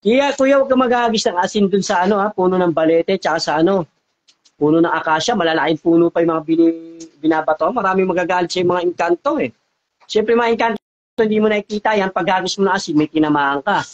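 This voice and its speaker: A man's voice: high-pitched, quick pace. Coaxing faith healer man. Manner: coaxing, repeats short questions. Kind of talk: live healing session. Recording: dull lo-fi audio.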